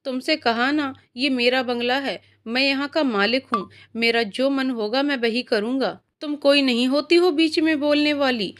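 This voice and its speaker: A woman's voice: high-pitched, normal speed, hardly any pauses, slight background noise, lightly acted. A woman voicing a harsh, short-tempered young husband in a storybook reading, speaking curtly. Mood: angry. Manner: curt and scolding.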